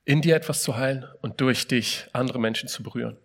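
In a medium-pitched voice with vocal fry and a brisk pace, a preacher delivers a casual, emphatic sermon, frequently opening phrases with "hey" and asking listeners many rhetorical questions.

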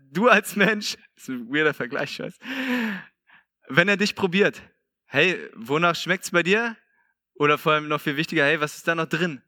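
A man's voice: a little high, sharp tone, dry recording, clean studio sound. A young man preaching a casual, upbeat sermon, slangy and full of "hey".

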